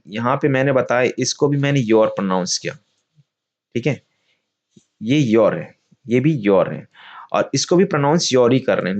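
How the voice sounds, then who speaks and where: A man's voice: mid-range voice, darkish tone, muffled recording. A man teaching English vocabulary in Hindi. He often asks a question and answers it himself, repeats key words, and calls his viewers friends.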